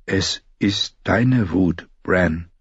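A man voicing a calm, solemn young man who speaks slowly and quietly, on a slightly dull recording. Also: low-pitched, breathy edge, no room sound, full character voice. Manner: slow, quiet, measured.

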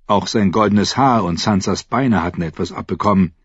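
A man reading a fantasy novel aloud with dramatic, expressive narration. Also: sits low, normal speed, slightly rough, dry recording. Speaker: audiobook narrator. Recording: dry, slightly dull audiobook recording.

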